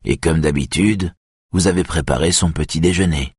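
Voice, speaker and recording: A man voicing a calm male detective who lays out events step by step. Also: a bass voice, husky, no room sound, studio quality. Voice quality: measured, methodical questioning.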